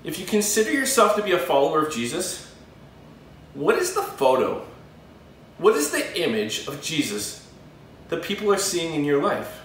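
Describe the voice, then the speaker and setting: A male pastor giving a sermon with earnest, emphatic pauses. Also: a little high, sing-song, fairly bright tone, a little hiss or hum. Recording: very echoey room, voice from a distance.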